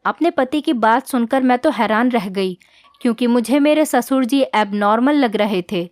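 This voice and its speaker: A woman narrating a first-person family story in an even, plain storytelling tone. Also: a little high, moderate pace, dry recording.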